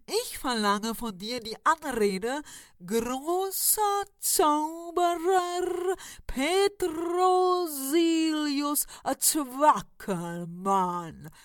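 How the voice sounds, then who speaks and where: A woman's voice: big pitch swings, a bit bright, no echo, studio quality, exaggerated voice. A woman voicing a pompous, grumpy old male sorcerer in a storybook reading, dragging out her words theatrically. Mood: angry. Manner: drawn-out, theatrical, shifting pitch.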